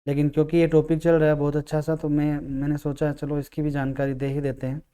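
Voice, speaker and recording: A man teaching English grammar, explaining patiently, repeating key words and sounding out vowels slowly. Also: a little high, completely flat delivery, mellow, smooth. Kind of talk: classroom-style explanation.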